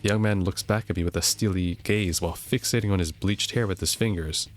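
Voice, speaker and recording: A young man reading a game's story text aloud in a steady way, sometimes joking about his own misreads. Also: deep voice, a little fast, faint music behind. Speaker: gameplay narrator.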